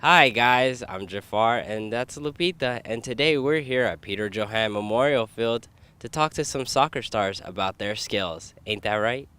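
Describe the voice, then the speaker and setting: A man's voice: mid-range voice, normal speed, sharp tone, smooth. A young man doing a playful, casual field report as a student reporter.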